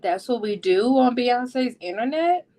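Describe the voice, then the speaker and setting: A woman speaks unhurriedly in an expressive, dark-toned voice on the high side. Hosting a readalong discussion as a book vlogger, she delivers a casual, chatty recap like a vlog host, sassy, playful and slangy, voicing the characters' lines herself.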